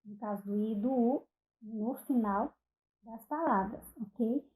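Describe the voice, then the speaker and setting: A woman with a Brazilian Portuguese accent giving a recorded online phonetics lecture, speaking deliberately, spelling out example words one at a time and checking in with "ok?". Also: fairly high pitch, a little mellow, rough recording. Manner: frequent "ok?" check-ins and self-corrections. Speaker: university lecturer.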